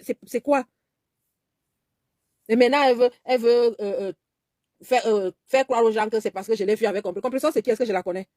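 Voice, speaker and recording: A woman's voice: on the high side, a little mellow, no room sound, studio quality. A woman talking angrily straight to her audience, insistent and given to repeating herself, at times mimicking another woman's pleading voice. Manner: indignant, insistent, repeats phrases. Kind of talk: angry personal video monologue.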